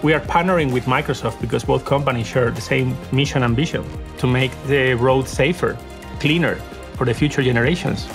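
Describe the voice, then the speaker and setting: A man's voice: medium pitch, fairly quick. A man executive making earnest, confident statements in a corporate promo interview. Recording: promo video with music bed.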